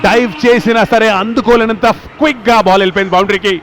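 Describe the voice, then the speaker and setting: A man giving excited cricket commentary, exclaiming and building drama around big shots. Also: high voice, fast. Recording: loud crowd noise behind live commentary. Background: cheering stadium crowd.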